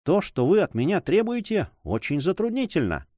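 A fretful, greedy prison major in an audiobook, fawning and eager, as a male reader puts him on. His lively, rising voice sounds dry and close. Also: high voice, moderate pace, no echo, voice pushed up.

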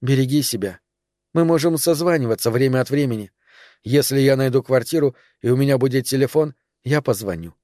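A weary, resolved woman, as a male audiobook reader puts her on, speaking quietly and firmly in a tired voice. The recording is dry and close. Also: mid-range voice, a little fast, no room sound, natural voice. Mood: soft. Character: weary woman calmly ending a relationship.

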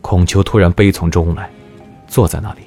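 A man's voice: low voice, steady tone, normal speed, dark tone. A man narrating a historical audio drama in a scripted, dramatic storytelling style. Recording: music behind the narration.

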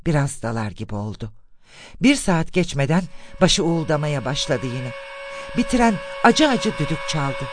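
A man narrating a literary story as an audiobook, in an expressive, dramatic storytelling manner. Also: on the high side, slight background noise.

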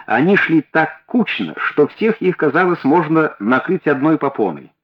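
A man narrating a classic detective story as an audiobook, with an expressive, varied delivery. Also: fairly high pitch, moderate pace, breathy edge, lo-fi sound.

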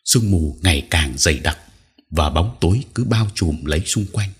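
Low husky male narrator, steady scripted storytelling. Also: moderate pace.

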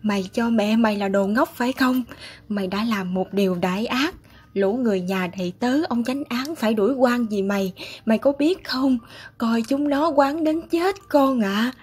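A woman reading aloud voices a sharp-tongued older mother who scolds her son harshly, with a husky voice. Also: on the high side, moderate pace. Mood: scolding.

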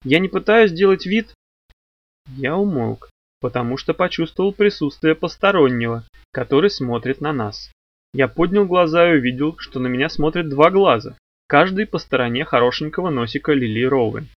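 A man's voice: a little high, animated, moderate pace, no echo, dull audio. A man narrating a detective novel in the first person, with a dry, ironic telling. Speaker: audiobook narrator.

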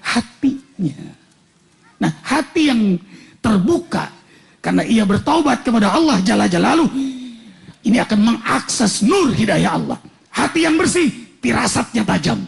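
A man preaching a sermon in a gravelly voice, quoting Arabic sayings and then translating them. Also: sits high, expressive, a little slow.

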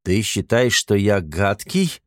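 A man reading an audiobook, voicing a calm male angel who speaks in measured, sorrowful reproach. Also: fairly low pitch, no room sound, clean studio sound.

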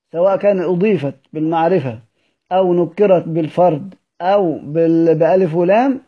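Egyptian male teacher, high voice, repeats himself and quizzes the class, dull lo-fi recording. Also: husky. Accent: Egyptian Arabic. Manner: repeats phrases, asks students questions. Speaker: Quran recitation teacher. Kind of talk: lecture explaining recitation verse.

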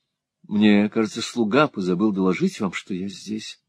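A man voicing a polite, reserved young woman in a calm, restrained tone. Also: on the low side, normal speed, slightly rough, no echo, studio quality.

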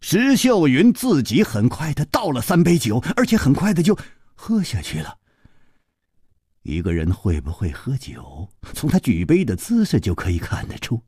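A man reading a story aloud as a storyteller, expressive, with his delivery swinging from loud to hushed. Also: medium pitch, moderate pace, slightly rough, no room sound, studio quality.

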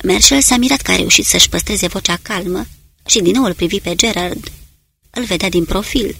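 A narrator reading a war novel aloud in a steady storytelling delivery. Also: medium pitch, vocal fry, husky, faint music behind. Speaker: audiobook narrator. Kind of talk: dramatic audiobook narration.

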